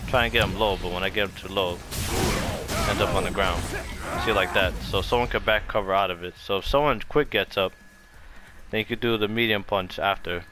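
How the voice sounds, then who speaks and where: Speaking a little fast in a low voice, a man offers an informal, off-the-cuff fighting game tutorial with music behind him. His explanations are loose and keep circling back.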